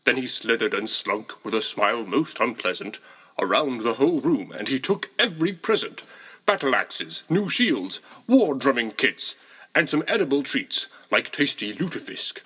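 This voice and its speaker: Animated man reading a rhymed story. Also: medium pitch, normal speed, husky. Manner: playful, sing-song rhyming delivery.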